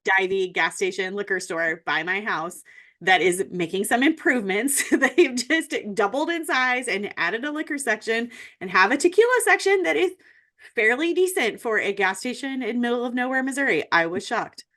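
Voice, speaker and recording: A woman's voice: fairly high pitch, animated, normal speed, sharp tone. A woman co-hosting a podcast in casual chat, rambling and laughing often. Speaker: podcast co-host.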